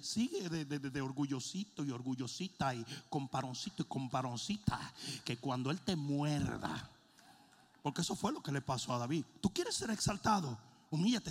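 A middle-aged man, a pastor, preaching a sermon with a comic story, animated, swinging from low asides to shouting and mixing in English words. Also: vocal fry, husky, big-room sound.

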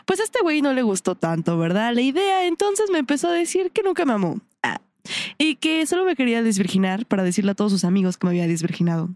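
A woman's voice: fairly high pitch, animated, fast talker, darkish tone, no room sound. A young woman with a Mexican accent telling a personal story on a podcast, slangy and frank, often breaking into laughter. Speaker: podcast co-host. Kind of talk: casual chat.

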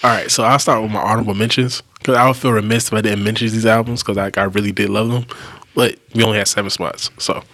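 A man with a deep, low, magnetic voice talking casually about music, close to the mic as a podcast panelist. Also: steady tone, fast talker, a bit bright, no room sound. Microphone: speaking close to the mic.

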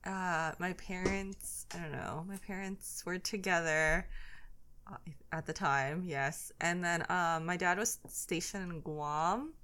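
A young woman from the Philippines who grew up in California, a nervous guest telling her story with many pauses and fillers. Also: lowish voice, steady tone, bright, forceful tone, slight background noise. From Philippines, raised in California. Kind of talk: casual chat.

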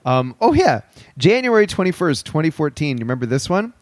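A man's voice: fairly high pitch, very animated, brisk, dry recording. Giggly rambling man. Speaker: podcast host. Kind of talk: casual comedy podcast chat.

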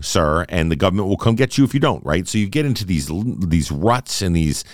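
A man's voice: deep voice, no room sound, studio quality. A man in his late forties hosting a solo podcast, talking earnestly and conversationally and often checking in with "right?". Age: 40s. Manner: earnest, conversational, repeats phrases and asks "right?". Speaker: podcast host.

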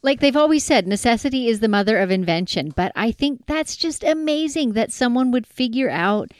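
A woman from northern British Columbia, Canada, hosts a casual interview, chatty and affirming toward her guest. Her voice sits on the high side, expressive and fairly quick, and the recording is dry.

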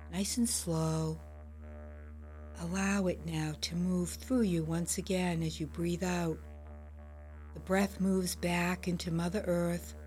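A woman leading a guided meditation in a gentle, soothing, unhurried way. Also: lowish voice.

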